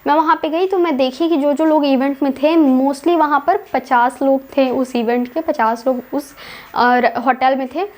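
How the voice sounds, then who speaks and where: A young woman with a high voice tells her own story in a casual, chatty vlog. She talks in loose, repeating phrases and drops English words in as she goes. An indignant edge runs through her telling. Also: fairly even intonation, a little slow, a little mellow. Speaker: vlogger.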